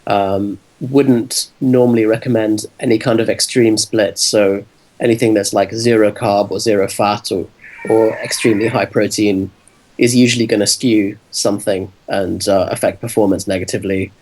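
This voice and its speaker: Measured man explaining, slightly low voice. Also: steady tone, a little mellow, low-quality recording. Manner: measured, explanatory, many ums. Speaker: fitness coach, guest. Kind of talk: casual interview answers.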